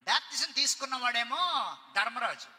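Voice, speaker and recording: A man pastor preaching a sermon in church, telling stories lively and questioning his congregation. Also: very high voice, moderate pace. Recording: church hall reverb.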